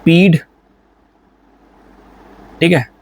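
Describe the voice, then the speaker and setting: A man's voice: on the high side, extremely slow. Chatty Indian man teaching vocabulary. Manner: chatty, joking, brotherly, with English example sentences. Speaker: English teacher. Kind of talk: casual Hindi vocabulary lesson.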